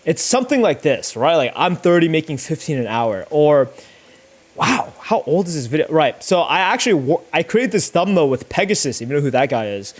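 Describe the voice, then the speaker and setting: A fairly high-pitched young man with big swings in pitch talks fairly quickly while livestreaming thumbnail creation. He rambles casually, thinking aloud as he works, in slangy, foul-mouthed language.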